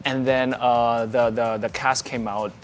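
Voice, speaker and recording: A man's voice: medium pitch, unhurried, over music. A young man from Hong Kong chatting as a guest on a morning show, telling stories with lots of laughter. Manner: laughing, animated storytelling. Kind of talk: casual chat.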